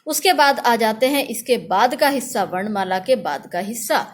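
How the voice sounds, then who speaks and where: A woman teacher giving a grammar lesson, saying letters slowly and loudly for pupils to repeat after her. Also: on the high side, expressive.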